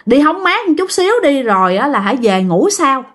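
A woman's voice: high voice, very animated, a little fast. A woman voicing a rowdy, teasing young man who hollers and goads his friends, while telling a ghost story. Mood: whiny. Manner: loud, goading, hollering.

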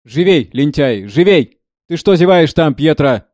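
A man's voice: a little high, moderate pace, dark tone, dry recording, lightly acted. A man reading aloud, voicing a stout, bossy male steward who barks orders at the servants. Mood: scolding. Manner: barking orders.

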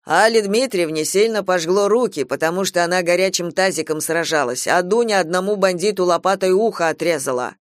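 A woman's voice: lowish voice, brisk, few pauses, dry recording, clean studio sound, natural voice. A woman reading an audiobook voices a wounded older man who explains himself defensively. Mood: matter-of-fact. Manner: defensive, indignant grumbling. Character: wounded older man, grumpy, hurt joker.

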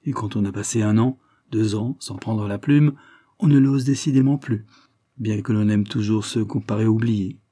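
A man voicing a gentle, gracious young married woman in a read-aloud story, speaking softly and kindly. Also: on the low side, moderate pace, no room sound, clean studio sound, natural voice. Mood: warm.

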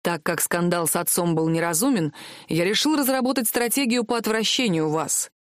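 Brief: woman reader as a young prince, unruffled and teasing, set a bit lower, dry sound. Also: moderate pace, no room sound, lightly acted. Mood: calm. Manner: calm, self-assured, mocking. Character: teasing, stubborn young male prince in love. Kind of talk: audiobook character voice.

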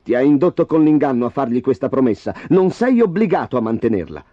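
A man's voice: mid-range voice, sing-song, quick pace, no room sound, lo-fi sound. A man voicing an eager young prince. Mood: pleading. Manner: eager and pleading.

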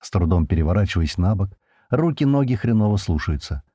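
A man's voice: deep voice, very animated, fairly quick, warm tone, no echo, clean studio sound. A man narrating a first-person audiobook in a colloquial, slangy way.

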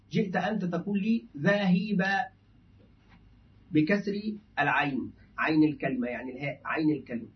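Male sheikh lecturer, high voice, explanatory classroom manner, muffled far-off lecture recording. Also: a little hiss or hum. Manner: explanatory, acts out dialogues with a student. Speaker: sheikh teaching a book. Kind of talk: classroom lecture on Arabic linguistics.

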